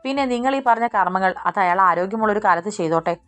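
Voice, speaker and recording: A woman's voice: mid-range voice, very fast, fairly bright tone, soft background music, lightly acted. Stern, insistent male doctor read by a woman; firm, no-nonsense audiobook delivery.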